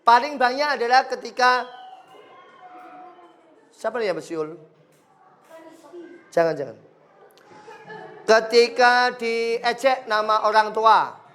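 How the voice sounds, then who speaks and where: A man's voice: very high voice, a bit bright, soft background music. A male Islamic studies teacher with an Indonesian accent, giving a playful classroom lesson full of stories. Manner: slow, playful, acts out quoted taunts in a raised voice.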